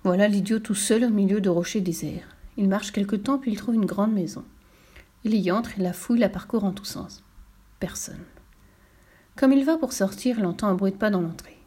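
A woman storyteller reading a fairy tale aloud with lively, expressive narration. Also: mid-range voice, moderate pace, slightly rough.

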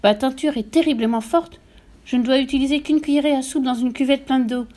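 A shrieking, sharp-tongued mother, vain and bossy, who scolds her husband without letup, put on by a woman reading an audiobook. The voice sits high and loud, well above the reader's usual tone, with biting, insulting words. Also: a little fast, lightly acted. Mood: scolding.

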